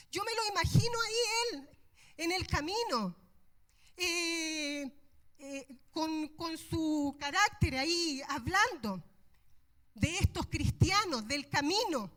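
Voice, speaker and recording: A woman's voice: extremely high pitch, pushed and bright. A middle-aged woman preacher delivering an impassioned, emphatic sermon.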